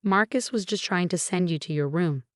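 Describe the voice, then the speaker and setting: A woman's voice: lowish voice, normal speed, no echo, studio quality, natural voice. A woman voicing an anxious mother who pleads and makes excuses. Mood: pleading.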